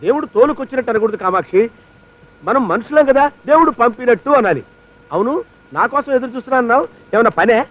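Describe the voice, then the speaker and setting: An actor playing a joking middle-aged husband who chats and teases in a film comedy. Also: male voice, very high voice, lively intonation, quick pace. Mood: coaxing. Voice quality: wisecracking, chatty. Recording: dull lo-fi film audio.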